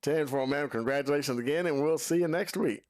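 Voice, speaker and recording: A man's voice: fairly high pitch, darkish tone, dry recording, clean studio sound. A man hosting a sim racing broadcast, talking in a folksy way full of fillers as he reads out results. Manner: folksy, many "uh" fillers, drawn-out phrasing. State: out of breath. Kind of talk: post-race interviews and results.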